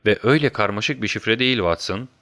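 A man voicing a sharp, eager middle-aged male detective who talks in quick, incisive bursts. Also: on the low side, no echo, studio quality. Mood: explaining.

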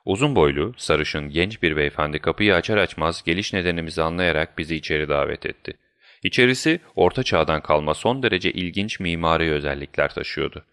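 A man reading a story aloud as narrator, with steady storytelling. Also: deep voice, a little fast, clean tone, no echo, studio quality. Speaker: audiobook narrator. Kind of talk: scripted narration.

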